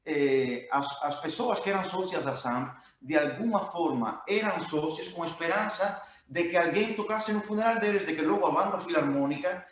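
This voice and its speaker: A man's voice: fairly high pitch, lively intonation. Echoey Cuban man speaking mixed Portuguese-Spanish. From Cuba. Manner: halting, searching for words. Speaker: project musician speaking at a talk. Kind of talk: informal public talk. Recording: very echoey room.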